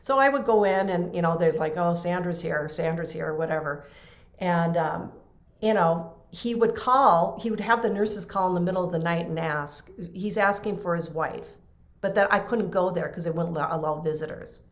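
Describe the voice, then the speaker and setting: A woman's voice: fairly low pitch, moderate pace, echoey room. A woman in an interview telling an emotional personal story earnestly, acting out what others said. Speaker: guest. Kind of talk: casual storytelling in a podcast interview.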